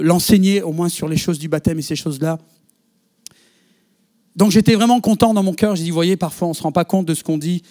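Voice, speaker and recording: A male pastor preaching to his congregation, telling a story and acting out the dialogue. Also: fairly high pitch. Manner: animated storyteller, quotes others in dialogue. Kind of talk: sermon with storytelling. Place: church.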